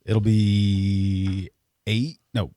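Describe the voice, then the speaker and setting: A man co-hosting a podcast, speaking slowly and laughing often in casual banter. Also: fairly low pitch, flat delivery, mellow, no room sound. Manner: slow, drawn-out, laughs often. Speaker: podcast co-host. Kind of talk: casual comedic chat.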